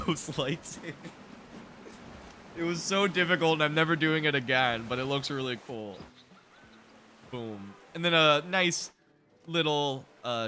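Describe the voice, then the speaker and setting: A man doing casual, excitable gameplay commentary, joking and swearing freely as he tours his theme park. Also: fairly high pitch, slight background noise. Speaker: streamer showing a theme park build.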